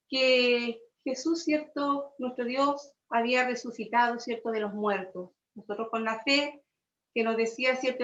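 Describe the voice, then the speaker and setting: A woman with a Chilean accent preaches a sermon in a slightly raised voice. She checks in with her listeners after almost every phrase and calls them her brothers. The sound is dull and lo-fi, with plenty of room echo. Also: fairly high pitch. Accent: Chilean Spanish. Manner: tags nearly every phrase with a questioning aside, addresses listeners as brothers. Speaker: church preacher. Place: church hall.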